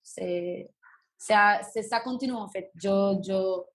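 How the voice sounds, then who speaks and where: A young woman from Venezuela, answering interview questions in a halting way, often restarting her sentences. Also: mid-range voice, darkish tone. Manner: halting, frequent restarts and fillers. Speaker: guest, breakdancer. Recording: roomy echo.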